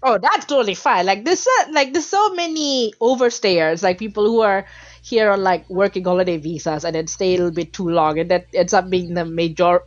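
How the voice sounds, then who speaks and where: A woman's voice: medium pitch, fairly quick, no room sound. An outspoken woman from Malaysia talks as a podcast guest, emphatic and full of casual fillers. Her voice sits mid-range, recorded dry and somewhat dull, like a lo-fi home setup. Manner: animated, emphatic, frequent fillers. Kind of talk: casual interview talk.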